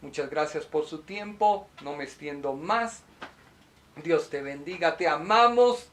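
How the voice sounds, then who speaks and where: A middle-aged man preaching a sermon as a pastor, swinging from loud urging to soft, slow confession, recorded in a small apartment set up as a studio. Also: on the high side.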